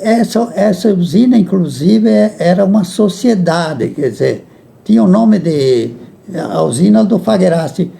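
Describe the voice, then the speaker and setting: A man, a guest recalling his youth in a halting way that repeats words, with frequent chuckles. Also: high-pitched, animated, creaky, warm tone. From Rio Grande do Sul, Brazil. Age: 80s. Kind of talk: reminiscing in a casual interview.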